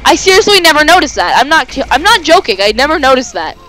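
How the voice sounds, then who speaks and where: Brief: high-voiced woman, lively swooping delivery, chatty let's-play commentary, easily excited. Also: fast talker, poor audio. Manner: excitable, rambling, with sudden exclamations. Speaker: video game let's player. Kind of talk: casual gameplay commentary.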